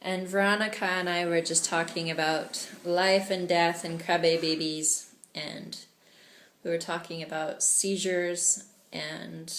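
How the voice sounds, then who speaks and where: A woman from Canada talking through a casual video diary in an earnest, chatty way. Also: fairly low pitch. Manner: earnest, chatty, laughs often. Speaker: vlogger. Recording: echoey room.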